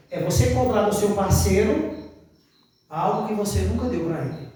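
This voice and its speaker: A man's voice: high voice, dark tone, slight background noise. A man preaching a sermon in church, folksy and questioning, calling his listeners brother. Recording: very echoey church, mic far off.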